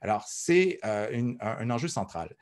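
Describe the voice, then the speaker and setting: This recorded university lecture comes from a man with an expressive, mid-range voice at a moderate pace. He thinks aloud in a casual way, leaning on fillers and repeating words often.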